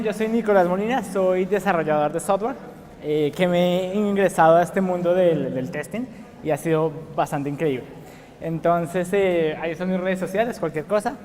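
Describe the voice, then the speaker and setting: A young man with a Bogotá Colombian Spanish accent gives a conference talk, hesitating often and leaning on fillers. His voice is fairly high and a little mellow, and the conference hall adds a long reverb.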